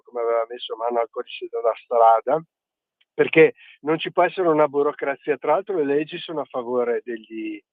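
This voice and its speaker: A man calling in to a radio show over the phone, making an earnest complaint in a hesitant, halting way. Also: mid-range voice, no room sound. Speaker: caller. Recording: tinny dry phone line.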